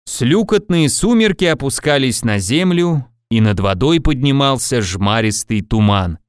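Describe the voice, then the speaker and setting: A man reading a children's story aloud with expressive narration. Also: medium pitch, measured pace, clean tone, no echo, studio quality. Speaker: reader.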